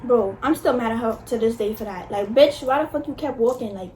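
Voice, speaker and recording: A young woman tells a casual mukbang story. She is animated and emphatic, full of slang and swearing. There is clear background noise in the recording. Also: fairly high pitch, brisk, poor audio. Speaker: vlogger.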